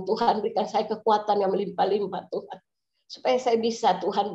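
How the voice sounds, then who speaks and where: A woman's voice: medium pitch, a little mellow. A middle-aged woman pastor giving an earnest testimony sermon, often addressing her listeners directly. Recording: echoey, slightly dull recording.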